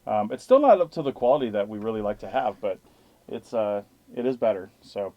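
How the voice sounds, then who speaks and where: A man's voice: fairly low pitch, expressive, fairly quick, no echo, highs cut off. A man hosting a casual live podcast, chatting in a blunt, matter-of-fact way over hissy, static-laden audio. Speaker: podcast host.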